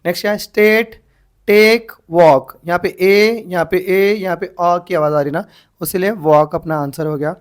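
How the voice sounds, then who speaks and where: A man's voice: high-pitched, normal speed. Man tutoring English grammar. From India. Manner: spells out words letter by letter, repeats rhetorical questions. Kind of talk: exam-prep lesson.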